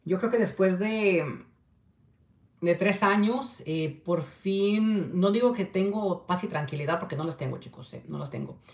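Speaking unhurriedly in a high, gravelly voice, a man hosts a casual livestream chat, affectionately reading viewer comments and repeatedly nudging people to hit like. The desk-distance webcam captures an echoey small home room with a window.

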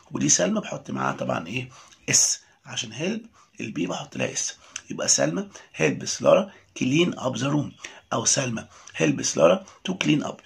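A man with an Egyptian Arabic accent teaching a recorded English lesson, repeating each word slowly before explaining it. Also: mid-range voice, gravelly, fairly bright tone, husky.

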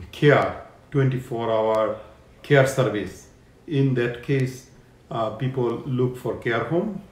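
Middle-aged man from Bangladesh, halting interview answers, mid pitch, roomy echo. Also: a little mellow, slight background noise. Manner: halting, many fillers and restarts. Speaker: care home owner. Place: living room, seated on a sofa.

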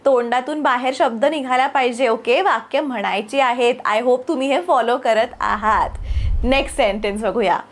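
A woman with a Marathi accent teaching spoken English. She says each English phrase slowly and twice for learners to repeat, and in between she gives quick, encouraging explanations. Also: fairly high pitch. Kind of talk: bilingual spoken-English drill lesson.

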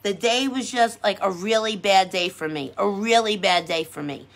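A woman's voice: mid-range voice, moderate pace. A middle-aged woman from New York with a New York accent, hosting a casual livestream chat while doing her makeup, brash and chatty and often repeating herself. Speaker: livestream host.

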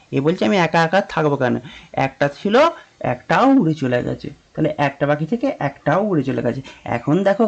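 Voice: medium pitch, highs cut off. A primary school teacher giving an online lesson, talking patiently and repeating words, spelling them out letter by letter.

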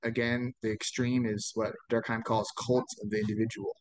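A man's voice: medium pitch, flat delivery, normal speed, low-quality recording. A man in his thirties giving an informal sociology lecture, rambling and often checking in with "right?".

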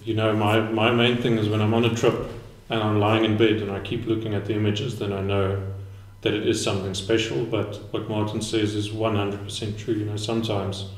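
Thirties male panel guest, candid and relaxed, set back from an echoey mic. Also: fairly low pitch, brisk, hardly any pauses. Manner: frank, casual, laughs easily. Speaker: guest photographer. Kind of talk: live panel discussion. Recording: roomy echo, distant mic.

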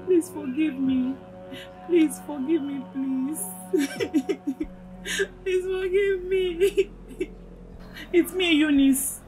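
A woman's voice: sits high, very slow, pauses often, mellow, faint music behind. An actress playing a terrified young woman trapped in a tree, pleading and sobbing. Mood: begging.

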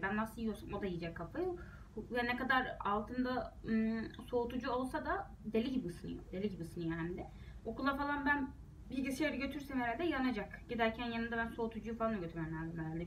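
Young female student vlogger, fairly high voice, rambling and exasperated, faint hiss behind. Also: a bit bright, poor audio. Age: young adult. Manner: frustrated, rambling venting. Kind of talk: casual vlog talking to viewers.

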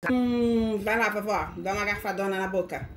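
At a moderate pace and medium pitch, a home cooking vlogger from Brazil, in her forties, chats to viewers, with slight background noise. The casual vlog is shot on a phone held close in her kitchen, where a pan sizzles and music plays.

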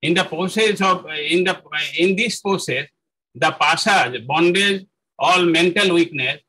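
A man giving a spoken lecture on spiritual practice, halting often with fillers and self-corrections. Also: high-pitched, sharp tone, husky, rough recording.

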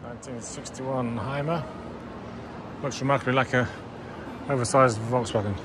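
A man chats casually as he wanders a large indoor museum hall, exclaiming over what he sees. His voice sits in a middle pitch and is caught on a handheld camera mic, with clear background noise all around. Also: steady tone, moderate pace. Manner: enthusiastic, exclamatory remarks while walking. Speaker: vlogger. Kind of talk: casual museum walkthrough commentary. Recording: noisy handheld museum recording.

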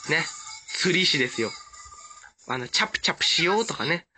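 A man gives hyper, gushing let's-play commentary. His bright voice swings widely in pitch, with soft game music behind him. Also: very animated, brisk.

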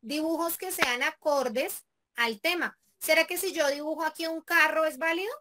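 High-voiced patient woman teacher. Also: normal speed, sharp tone. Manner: patient, checks in often with "¿listo?". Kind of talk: remote class walkthrough.

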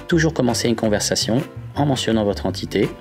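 A man's voice: lowish voice, expressive, fast talker, a little mellow. A man giving scripted instructional narration for a training video. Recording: faint background music.

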